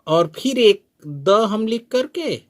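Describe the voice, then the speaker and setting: Man, teacher, spoken lesson, drawn-out syllables, fairly high voice, very slow pace. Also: big pitch swings. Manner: drawn-out, sounded-out syllables and questions to the learner. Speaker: Hindi teacher.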